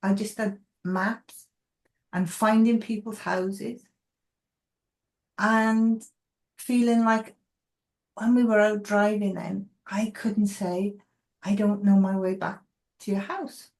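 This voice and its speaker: A woman facilitating a casual conversation, telling stories in an excitable way, recorded in an echoey room. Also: mid-range voice, slow pace, pauses often. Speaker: group facilitator.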